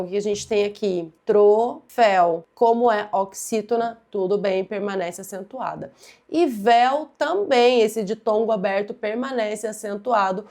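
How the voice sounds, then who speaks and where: A woman's voice: medium pitch, a little mellow. A Brazilian woman teaching an exam-prep grammar lesson, stressing and repeating key words as she explains each answer. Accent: Brazilian Portuguese.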